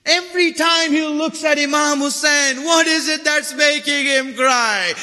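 A preacher's extremely high, bright, forceful voice moves at a measured pace through a mourning sermon told as dramatic storytelling. Plaintive and impassioned, the religious lecturer repeats phrases for emphasis, his words echoing long through a reverberant hall.

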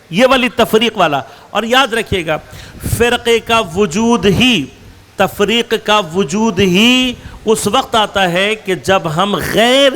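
A man's voice: sits high, a bit bright. A man delivering a religious lecture to an audience, explaining with examples and asking rhetorical questions that he answers himself. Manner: explains with worked examples, shifting between slow stresses and quick runs. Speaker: religious scholar.

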